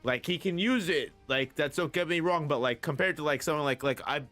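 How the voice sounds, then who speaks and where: A young man with a bright, sharp-edged voice talks through a casual anime discussion. He rambles, piling up fillers and restarting his sentences. Faint music sits under the talk. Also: a little high, fairly quick. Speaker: channel host.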